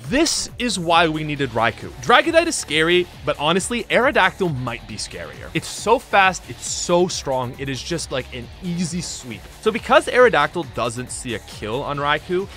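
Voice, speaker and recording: Young male gaming narrator, upbeat and chatty, fairly high bright voice, faint music bed. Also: normal speed, few pauses. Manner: upbeat, chatty, lively swings in pitch. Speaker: gaming YouTuber. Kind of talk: energetic game commentary voice-over. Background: faint background music.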